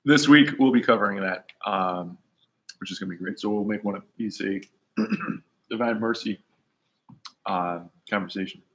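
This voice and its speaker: A man hosting an online talk show, chatting casually and relaxed, with fillers and restarts. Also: on the low side, moderate pace. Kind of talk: casual chat.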